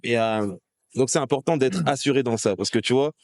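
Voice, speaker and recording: Fast-talking earnest young man. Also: medium pitch, a little mellow, dry recording, clean studio sound. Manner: earnest, persuasive, fillers "tu vois". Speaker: street evangelist. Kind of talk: casual faith conversation.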